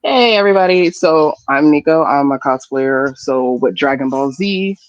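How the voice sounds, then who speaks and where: A man's voice: on the high side, lively intonation, moderate pace, dry recording, lo-fi sound. A man who grew up in Japan, a cosplayer guest, talking in an easygoing way with plenty of "kinda" and "like.". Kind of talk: casual group chat.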